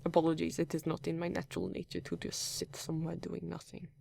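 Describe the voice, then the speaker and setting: A man playing a gravelly, formal, reserved partner. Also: on the high side, very animated, fast talker, dry recording, heavily acted. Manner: formal, avoids contractions, hesitant restarts; soft-spoken, at times whispering. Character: reserved, formal, caring male lab-working partner. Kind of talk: comfort roleplay addressed to the listener.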